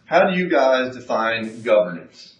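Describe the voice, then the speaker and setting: A man's voice: medium pitch, big pitch swings, measured pace, slight background noise. A man giving a workshop presentation in a casual, folksy, self-deprecating way, drawing the audience in. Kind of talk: casual seminar talk with audience interaction. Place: conference room. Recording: roomy, dull, from a distance.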